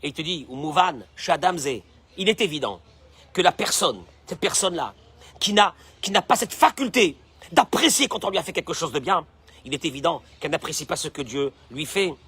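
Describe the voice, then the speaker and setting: Man preaching a sermon, high husky voice, rhetorical questions and hebrew quotes, dry close sound. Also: expressive, brisk, sharp tone. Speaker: rabbi.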